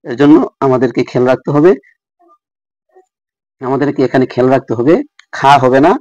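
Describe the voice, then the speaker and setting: A man teaching Quran recitation rules, repeating each letter sound slowly and speaking directly to viewers. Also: mid-range voice, fairly even intonation, a little mellow, dry recording, lo-fi sound. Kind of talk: tajweed lesson.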